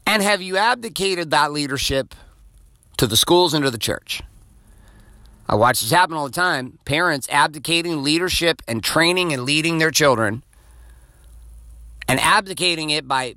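A man's voice: fairly high pitch, bright, forceful tone, dry recording, studio quality. A man in his forties hosting a podcast, giving a blunt, profane motivational monologue. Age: 40s. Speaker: podcast host.

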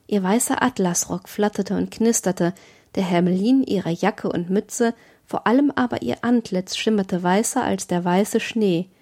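A woman narrating a literary audiobook in a measured, expressive way. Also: mid-range voice.

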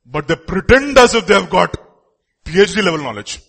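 A man with an Indian accent and a husky voice preaching a sermon emphatically, repeating phrases and posing rhetorical questions. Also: sits high, very animated, a little fast, fairly bright tone.

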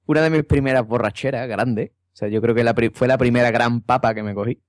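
Male co-host, mid pitch, lively storyteller, dry close mic. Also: a little fast, no room sound. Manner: lively storyteller, repeats words. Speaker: podcast co-host. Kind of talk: casual anecdote-telling chat.

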